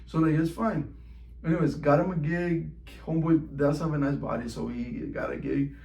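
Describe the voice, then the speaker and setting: A man's voice: a little high, fairly even intonation, normal speed, vocal fry, darkish tone, echoey room, low-quality recording. A man telling a personal story in a loose, slangy way, peppered with "like" and "bro" and plenty of swearing. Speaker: vlogger. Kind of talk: casual storytime monologue.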